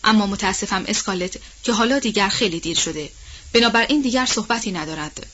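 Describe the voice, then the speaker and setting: A woman's voice: medium pitch, fairly bright tone, natural voice. Rhett, weary bitter husband, read by a woman. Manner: heavy, tired, coolly dismissive. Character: weary, bitter, sardonic grown man, a husband. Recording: dull, muffled audiobook recording.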